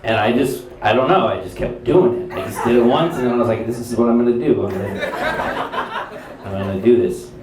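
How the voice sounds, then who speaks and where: A young man doing stand-up storytelling on stage, animated and acting out other people's lines. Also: medium pitch, normal speed. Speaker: stand-up comedian. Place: comedy stage before a laughing audience. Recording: roomy live club with crowd laughter.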